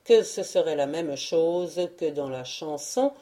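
A woman reading a literary audiobook in a measured, unhurried way. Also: low-pitched, expressive, warm tone. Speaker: audiobook reader.

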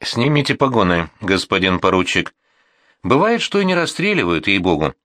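A man's voice: on the low side, sing-song, normal speed, a bit bright, no echo, studio quality. Man doing a coaxing worried soldier.

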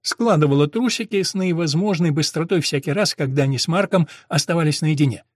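A man reading a novel aloud as an audiobook narrator, in a measured, even tone. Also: fairly high pitch, dry recording, studio quality.

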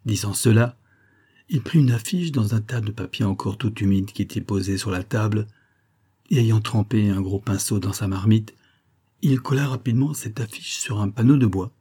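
A man narrating a classic novel as an audiobook in a measured, even storytelling manner. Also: fairly low pitch, breathy edge.

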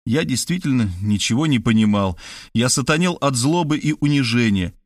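A man reading an audiobook aloud, narrating in the first person in a steady storytelling way. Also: medium pitch, moderate pace, no echo, studio quality.

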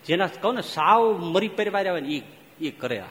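A male swami giving a sermon, telling fables lively and firing rhetorical questions at his listeners. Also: high voice, a little fast. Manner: animated storytelling, rhetorical questions to the audience. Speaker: swami giving a religious discourse. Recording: reverberant hall, faint ambience.

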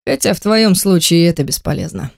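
A reader voicing a furious young man in an audiobook, speaking in cold, deliberate, cutting phrases. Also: medium pitch, creaky, dry recording, studio quality, lightly acted. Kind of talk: audiobook character voice.

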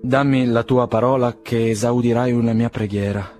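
A man voicing a proud, ailing aristocrat nearly fifty, speaking in a measured, solemn, quiet way. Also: mid-range voice, fairly even intonation, faint music behind, lightly acted.

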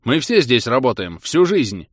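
A man's voice: medium pitch, expressive, normal speed, no echo, studio quality, pitched above the performer's own voice, close to an everyday voice. A man voicing an officious, frightened male technician who speaks indignantly and sticks to the rules. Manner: indignant, rule-bound.

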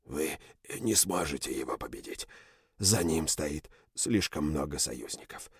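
A man voicing a wounded captive general who pleads for his life and then threatens his captors, hoarse and strained. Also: very deep voice, animated, unhurried, no echo, studio quality, exaggerated voice. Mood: menacing. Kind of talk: audiobook character reading.

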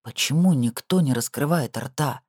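A man's voice: medium pitch, normal speed, a little mellow, slightly rough, no echo. Man narrating a thriller audiobook, dry. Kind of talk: scripted narration.

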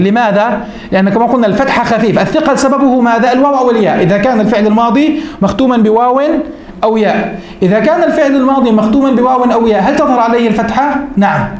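A man teaching a grammar lesson as a sheikh. He asks his students questions, answers them himself and repeats each rule slowly. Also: very high-pitched, darkish tone, reverberant. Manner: repeats rules slowly for emphasis.

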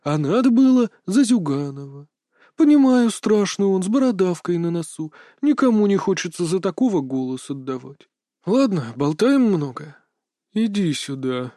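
A cackling old sorcerer with a raised, mellow voice, as a male reader puts him on, chatty and mock-tender as he coaxes his victim. The recording is dry and close, with a folksy, creeping menace under the friendliness. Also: high-pitched, very animated, normal speed, no room sound, voice pushed up. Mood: sly. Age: older.

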